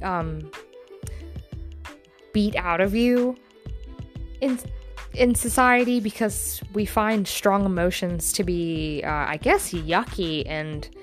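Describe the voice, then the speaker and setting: A woman hosting a solo podcast, talking frankly with many pauses and ums, often swearing. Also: mid-range voice. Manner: hesitant and halting. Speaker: podcast host. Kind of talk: casual solo podcast monologue.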